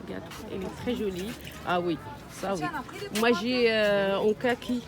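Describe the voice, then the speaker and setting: A woman's voice: medium pitch, measured pace. A woman with a North African Arabic accent in French, chatting casually as she vlogs around an outdoor market. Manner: chatty, switching between French and Maghrebi Arabic. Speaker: vlogger showing market clothing stalls. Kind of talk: casual vlog chat. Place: outdoor seaside street market.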